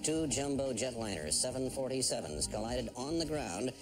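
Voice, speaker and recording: A man's voice: medium pitch, very animated, moderate pace, rough recording. A man reading a television news report in a formal newscaster manner. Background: music.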